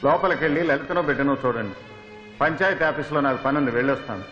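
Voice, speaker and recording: A man acting as a calm, solemn young husband in a TV serial, speaking briskly in a slightly raised voice. The sound is roomy and dull, with faint music behind. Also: medium pitch, lightly acted.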